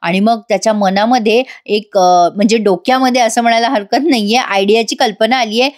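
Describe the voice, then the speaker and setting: A woman's voice: fairly high pitch, brisk. A woman narrating a TV serial episode recap as a voice-over, chatty, with asides to the viewers. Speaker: TV serial reviewer.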